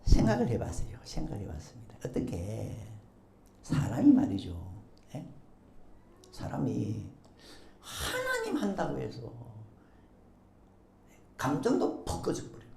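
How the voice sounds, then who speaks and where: A man's voice: sits high, vocal fry, darkish tone. A male pastor preaching a sermon, acting out quoted speech and prompting the congregation. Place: church sanctuary. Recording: echoey church hall.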